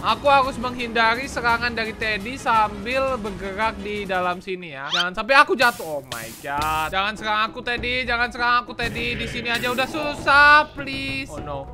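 A woman hosting a let's play, commenting excitedly on her game and often yelping in alarm. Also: a little high, moderate pace. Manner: excitable, often yelps and shrieks. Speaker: gaming channel host. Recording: game music under the voice.

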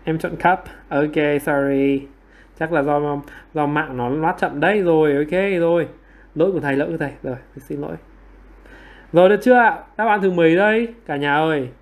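A man with a fairly high voice runs a livestream English quiz from his home computer. He keeps prodding the class for answers, and he shrugs off his own slip-ups with quick, self-mocking apologies. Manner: coaxing, repeatedly prodding students for answers. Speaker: online English teacher.

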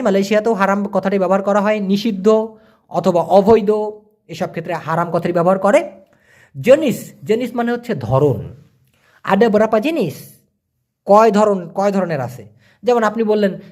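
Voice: mid-range voice, darkish tone. Teacher, spoken language lesson, patient, repeats and spells out words, acts out sounds. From Bangladesh. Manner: patient, repeats each word and spells it out letter by letter; acts out sounds and little scenes to explain words.

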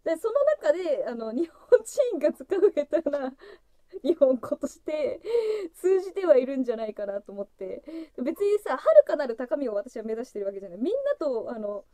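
A woman in her thirties chats on a casual solo livestream, her high voice leaping around and often spilling into giggles. Her tone is mellow and soft, and the recording is close and dry with no room sound. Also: big pitch swings, normal speed, dry recording. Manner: chatty and giggly, breaks into frequent laughter, voice jumping high. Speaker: livestream host opening fan gifts.

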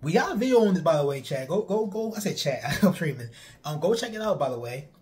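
Animated young male wrestling streamer. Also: a little high, fast talker. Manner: animated, repetitive, talks straight to viewers. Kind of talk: casual streamed commentary to chat.

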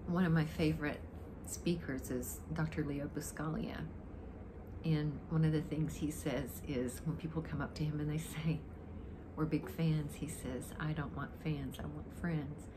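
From her sofa at home, an older woman who plays guitar as an amateur reminisces and wanders between thoughts while introducing a song to the camera. Her low, dry-throated voice is unhurried with fairly even intonation, and the recording picks up clear noise.

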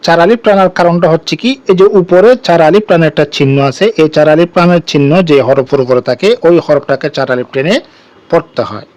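A man's voice: fairly high pitch, a little mellow, no room sound. Patient male Quran reading teacher. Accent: Bangladeshi Bengali. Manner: patient, drawn-out chanting of each blended word. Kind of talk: spelling out Arabic syllables in a class.

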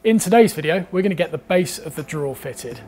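A man's voice: a little high, animated, fast, over music. A young man, teaching woodworking in a workshop, chatty and upbeat as he explains each step. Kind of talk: instructional talk.

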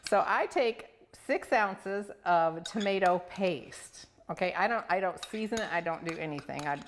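A woman's voice: lowish voice, animated, normal speed, a little hiss or hum. A middle-aged woman, playfully chatting while demonstrating a recipe in a home kitchen, on a lapel mic. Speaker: cooking show host. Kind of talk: casual cooking demonstration.

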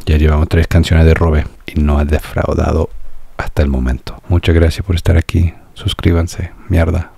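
Young American man, native English speaker, very low voice, mellow tone, dry close sound, reflective reaction vlog. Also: gravelly, husky, dry recording. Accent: American, speaking Spanish. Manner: thoughtful, searching, with restarts and musing questions. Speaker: music reaction vlogger. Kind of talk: casual reflective monologue.

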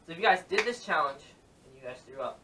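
A young adult man chatting casually and haltingly as the jokey host of a vlog, recorded in a small bedroom. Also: a little high, animated. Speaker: host of a challenge video. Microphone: camera a few metres away. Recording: distant, noisy camera mic with clicks.

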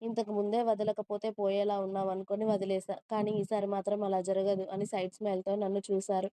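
A woman telling a first-person romantic story in a gentle, emotional, confiding way. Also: mid-range voice, level tone, fast talker, smooth, dry recording.

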